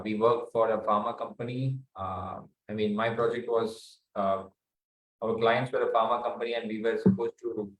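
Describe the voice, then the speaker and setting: A man from South India with an Indian accent, answering interview questions earnestly with many fillers and pauses. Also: on the low side. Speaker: guest author and researcher. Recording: roomy echo.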